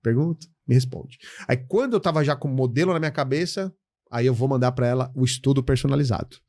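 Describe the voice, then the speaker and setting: A middle-aged man as a podcast guest, telling client stories in a casual, lively way and acting out both sides of the conversations. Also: mid-range voice, fast, no room sound, clean studio sound. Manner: animated storytelling, acts out client dialogues, says "cara" often. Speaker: guest, insurance educator.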